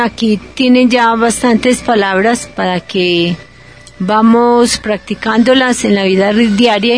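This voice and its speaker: A woman hosting a radio segment, teaching words in a didactic, formal way. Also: mid-range voice. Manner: didactic, repeats words slowly, formal address. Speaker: radio host. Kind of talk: instructive radio talk on correct pronunciation.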